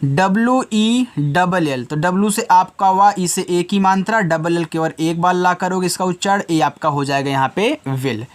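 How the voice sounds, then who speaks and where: A man teaching a slow, patient phonics lesson to children, spelling each word letter by letter and addressing the learners as children. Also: high voice. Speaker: English teacher.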